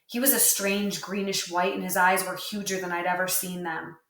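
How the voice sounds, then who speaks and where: A woman reading a novel aloud, telling the story in first person with steady narration. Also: fairly low pitch, normal speed. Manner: steady storytelling narration with lightly voiced dialogue. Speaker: reader. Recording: roomy, distant mic.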